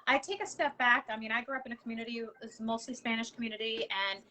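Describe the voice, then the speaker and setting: A woman's voice: a little high, fairly even intonation, quick pace, bright, forceful tone, slight background noise, rough recording. A woman hosting an interview, enthusiastic and affirming, with many fillers like um and you know. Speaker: host. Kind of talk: interview conversation.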